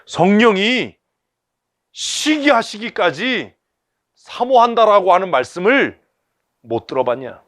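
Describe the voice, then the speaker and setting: A man's voice: sits high, big pitch swings, slow, long pauses, fairly bright tone, no room sound, studio quality. A man preaching a sermon in blunt, colloquial speech full of rhetorical questions. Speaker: pastor. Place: church service.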